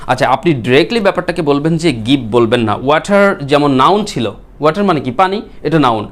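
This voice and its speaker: A man with a Bengali accent teaches a spoken English lesson in a somewhat high voice. He explains patiently and says key words slowly, more than once. He keeps asking his viewers questions as he goes. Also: lively intonation.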